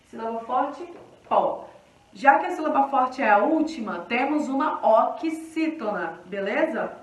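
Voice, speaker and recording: A woman's voice: sits high, far from the mic. A woman teacher with a Brazilian Portuguese accent explains a grammar lesson, checking in with the class often. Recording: very echoey room, voice off-mic.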